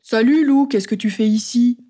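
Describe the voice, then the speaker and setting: A woman's voice: fairly high pitch, normal speed, mellow, lightly acted. A woman voicing a friendly, easygoing father in a children's story. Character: cheerful dad, a grown man.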